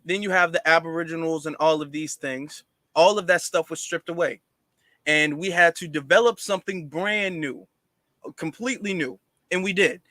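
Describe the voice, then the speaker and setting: A man's voice: fairly high pitch, normal speed, pushed and bright, no room sound. A man hosting a casual livestream, explaining at length to viewers with many fillers and restarts. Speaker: livestream host.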